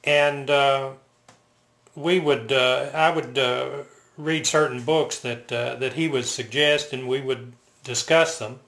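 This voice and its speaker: An older man telling personal stories casually, in a halting, reflective, unscripted way. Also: medium pitch, steady tone, fairly bright tone. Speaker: military veteran reminiscing. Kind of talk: casual personal storytelling to camera. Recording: roomy, echoing home recording.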